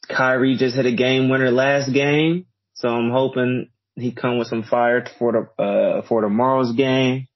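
A man co-hosting a podcast, telling rambling, relaxed stories over an echoey internet call. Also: medium pitch, a little slow, few pauses, dull audio. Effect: internet call audio with echo. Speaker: podcast co-host and DJ. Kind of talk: casual chat. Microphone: internet video call.

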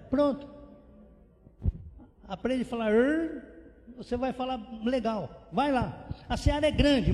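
A man preaching a missionary sermon with animated, repetitive emphasis. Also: extremely high pitch. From São Paulo state, Brazil. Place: church sanctuary. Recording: long church reverb.

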